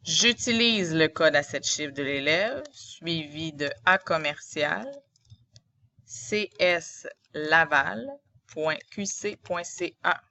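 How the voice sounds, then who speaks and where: A woman's voice: deep voice, slow, pushed and bright. A woman with a Quebec French accent, a teacher narrating a screen tutorial in a didactic, step-by-step way.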